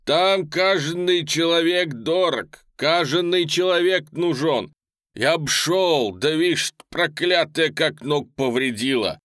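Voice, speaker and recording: A man voicing a wounded elderly Cossack who loudly pleads with the others to take up arms. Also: medium pitch, no room sound, studio quality, pitched above the performer's own voice, natural voice. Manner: loud impassioned pleading.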